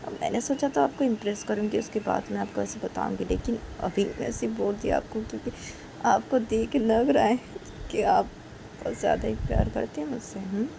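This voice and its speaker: A woman's voice: fairly high pitch, fairly quick, vocal fry, background noise. A woman voicing a young female student who pleads and cries, repeating her questions in a whiny way, while telling a story. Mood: coaxing. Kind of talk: storytelling role-play.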